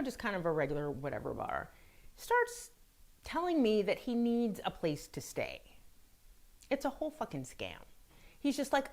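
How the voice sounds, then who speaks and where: A woman from France hosting her own video blog, telling a personal dating story in a candid, chatty way with blunt swearing. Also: on the low side. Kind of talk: casual storytelling monologue.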